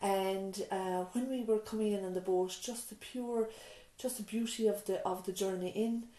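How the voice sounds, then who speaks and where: A middle-aged Irish woman, a nurse and mother, gives reflective interview answers in a small room of an island nurse's surgery. She tells her story warmly, with frequent restarts, asides, and "you know." Her mid-range voice is fairly even and moderately paced, and the room is echoey.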